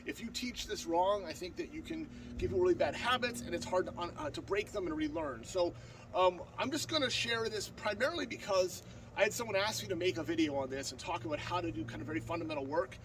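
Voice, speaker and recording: Congested from a cold, a sword-fighting instructor speaks fast and earnestly in a fairly high voice during a casual lesson on a lawn, stumbling into fillers and restarts. A tripod camera several steps off records him, with heavy outdoor noise in the background.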